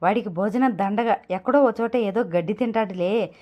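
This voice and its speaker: A woman voicing a hot-tempered, sharp-tongued young woman who scolds angrily, in an audio novel. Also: medium pitch, moderate pace, natural voice. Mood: irritated. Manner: angry scolding. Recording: dull lo-fi audio.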